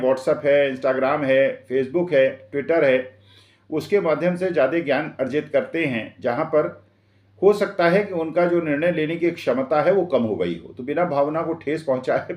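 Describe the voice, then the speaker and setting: A man from Uttar Pradesh with an eastern Uttar Pradesh Hindi accent, giving an earnest, measured opinion monologue. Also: on the high side, reverberant, lo-fi sound. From Uttar Pradesh, India. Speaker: commentator.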